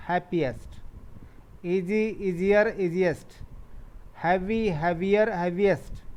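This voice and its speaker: A man's voice: sits high, a little mellow, clean tone. A male teacher, giving a lesson to children, repeating word lists and reading grammar rules aloud.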